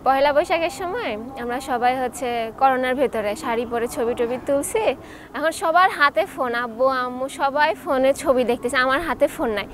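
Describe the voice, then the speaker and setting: A woman's voice: high voice, normal speed, fairly bright tone, slight background noise. A young woman, a footballer guest recounting memories plainly in an interview. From Bangladesh. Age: young adult. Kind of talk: casual interview chat.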